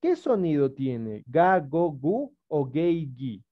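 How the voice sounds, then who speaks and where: A woman with an Ecuadorian Spanish accent, working as a primary school teacher, speaks slowly in a deep voice with big pitch swings. She patiently coaxes young children through an online video-call lesson, using many diminutives, and the audio comes through muffled.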